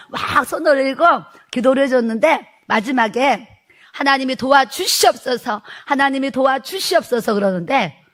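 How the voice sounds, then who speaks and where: A middle-aged woman, a pastor's wife, retelling a church testimony in a sermon, acting out the quoted speech and laughing as she goes. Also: fairly high pitch.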